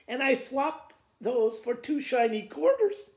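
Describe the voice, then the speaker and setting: With a very high voice, an older American school principal reads children's poems aloud to pupils, deliberate and expressive like a storyteller. He's indoors by a fireplace in a living room, and the camera a few feet away records plenty of room echo.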